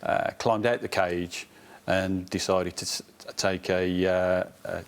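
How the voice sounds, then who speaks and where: A man giving hesitant, measured answers as a litigant on a television court show. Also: low-pitched, flat delivery, clean tone. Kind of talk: answering questions.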